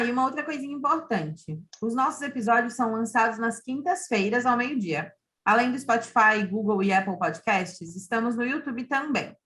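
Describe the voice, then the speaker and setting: Lively thirties Brazilian woman co-host. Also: a little high. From Santa Catarina, Brazil. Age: 30s. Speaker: podcast co-host. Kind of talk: podcast chat and scripted reading.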